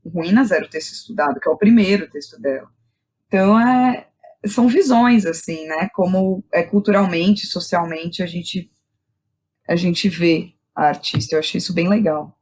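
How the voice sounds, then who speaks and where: Speaking at a moderate pace in a fairly low voice that is a little mellow and slightly rough, a woman with a Brazilian accent guests on a reflective, conversational interview. A playwright and director, she thinks aloud and often checks in with tag questions.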